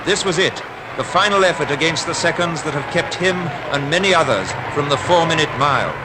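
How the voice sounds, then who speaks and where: A man with a British Received Pronunciation accent gives formal, dramatic scripted newsreel commentary in 1950s style. His voice is on the high side, with lively intonation and a slightly fast pace, heard through a noisy 1950s archive newsreel soundtrack.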